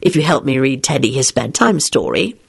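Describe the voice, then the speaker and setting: A woman reader voicing a cheerful, teasing grown man who is a father, lowering her voice a little and keeping it easygoing. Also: animated, fairly quick, vocal fry, slightly rough, exaggerated voice.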